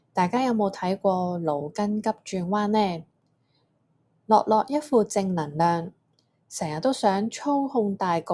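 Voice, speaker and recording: Speaking with a Hong Kong Cantonese accent in a fairly low voice, a woman acts as a gentle emotion coach, presenting a scripted mindfulness lesson for children.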